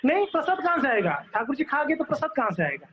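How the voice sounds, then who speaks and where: A man's voice: extremely high pitch, big pitch swings, quick pace, dull audio, pitched above the performer's own voice. A man voicing an innocent young boy who pleads and insists, in a told story. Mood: insistent.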